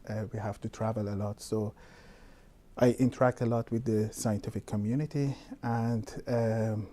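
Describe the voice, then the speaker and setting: Scientist from Iran, interviewee, warm dark voice, calm and measured. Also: male voice, on the low side. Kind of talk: personal interview.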